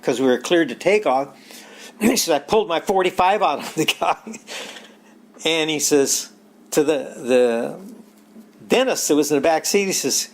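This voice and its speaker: Gravelly older man telling a rambling story. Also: a little high. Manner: rambling, many "he says" and "uh", chuckles as he tells. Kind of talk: casual anecdote retelling.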